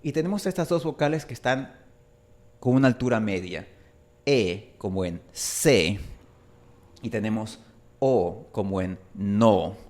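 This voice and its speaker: A man's voice: on the low side, lively intonation, unhurried, pauses often, a little mellow. A man teaching Spanish pronunciation, a native speaker who enunciates carefully and draws out his example vowels. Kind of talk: pronunciation lesson.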